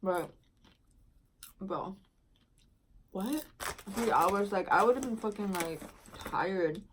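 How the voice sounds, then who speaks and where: A woman's voice: mid-range voice, lively intonation, slow pace, fairly bright tone, slight background noise. A young woman vlogger casually telling a long personal story, rambling with lots of filler words and slang. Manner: rambling, heavy use of "like" and "dude".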